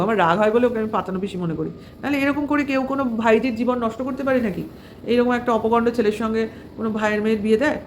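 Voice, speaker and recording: A woman's voice: on the high side, a little mellow, a little hiss or hum. A woman vlogger giving casual, sarcastic commentary on another channel, full of fillers and rhetorical questions.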